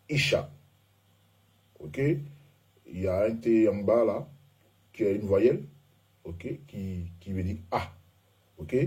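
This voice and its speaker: Male teacher, informal Bible and Hebrew lesson, very breathy raspy voice, lowish pitch, hesitant, keeps checking in. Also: dark tone. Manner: keeps checking in with "ok?" and "vous voyez?", often hesitates with "euh". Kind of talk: informal teaching talk with slides.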